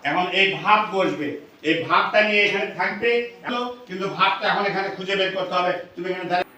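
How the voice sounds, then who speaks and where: A man teaching English to a classroom of students, drilling words in call-and-response and urging them to repeat louder. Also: high-pitched, steady tone, quick pace. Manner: pushes class to answer louder. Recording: echoey classroom from far off, loud crowd noise.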